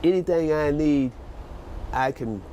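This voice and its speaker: An older retired man being interviewed outdoors, talking in a reflective, halting way with restarts. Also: on the high side, warm tone, muffled recording, a little hiss or hum. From United States. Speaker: retired volunteer English teacher. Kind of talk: documentary interview.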